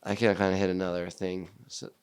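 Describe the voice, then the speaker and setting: A young American man in his twenties speaks as a podcast guest, earnest and halting, often restarting his sentences. His voice sits a bit on the low side. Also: flat delivery, clean tone. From Seattle, USA. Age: 20s. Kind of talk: casual conversation.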